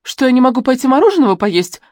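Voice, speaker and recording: A woman's voice: fairly high pitch, expressive, a little fast, a little mellow, no room sound, studio quality, pitched above the performer's own voice. A woman reading an audiobook and voicing a defiant young woman who challenges sharply and edges toward hysteria. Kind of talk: audiobook dialogue.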